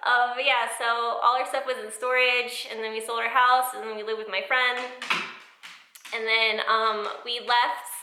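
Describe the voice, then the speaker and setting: An American woman giving a casual, rambling vlog update in an informal, chatty way, recorded in an echoey room with high ceilings. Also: level tone, moderate pace, pushed and bright, a little hiss or hum. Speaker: sewing vlogger. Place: indoors in new home, bare high-ceilinged room.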